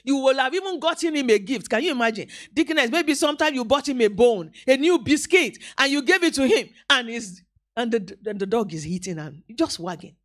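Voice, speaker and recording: A woman preaches a live sermon in a church, her high voice swooping widely as she goes. She acts out little scenes and calls out to the congregation, animated throughout. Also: brisk. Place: church hall.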